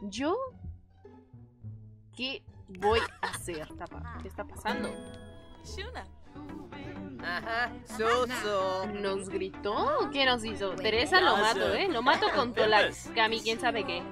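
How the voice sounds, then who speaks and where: A woman's voice: fairly high pitch, unhurried, music in the background. A woman giving casual, dramatic and jokey commentary while playing a life-simulation video game. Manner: animated, dramatic, jokey, playful outbursts. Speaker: gaming youtuber. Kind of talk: casual let's-play commentary.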